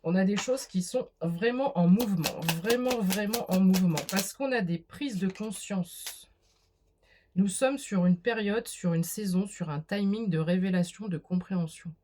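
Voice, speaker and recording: A woman's voice: medium pitch, unhurried, dark tone, slight background noise. A woman doing a casual spoken card reading, talking straight to the viewer with many fillers and restarts. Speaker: card reader.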